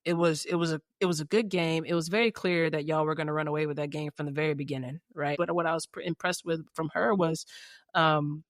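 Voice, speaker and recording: A woman's voice: low voice, steady tone, fast, dry recording, studio quality. A woman hosting a podcast in casual chat, with lots of restarts and football talk. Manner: rambling, many restarts and "you know what I'm saying". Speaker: podcast host and player.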